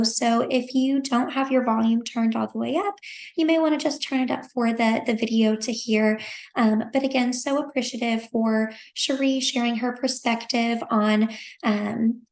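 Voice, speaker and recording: A woman's voice: on the high side, gravelly, darkish tone. A woman presenting a conference workshop over a video call, appreciative and full of small restarts. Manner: appreciative, with many fillers and restarts.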